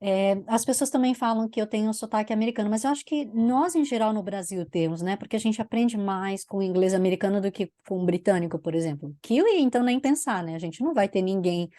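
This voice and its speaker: A woman's voice: mid-range voice, fast talker, hardly any pauses, mellow, dry recording. A woman hosting a podcast, asking questions in a conversational way and tagging her sentences with questions. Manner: conversational, adds tag questions. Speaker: podcast host. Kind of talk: interview questions.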